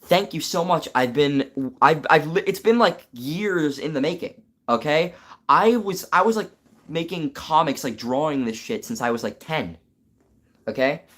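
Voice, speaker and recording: Male streamer, casual live chat, excitable, rambling, filler words. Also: a little high, measured pace. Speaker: streamer and animation creator.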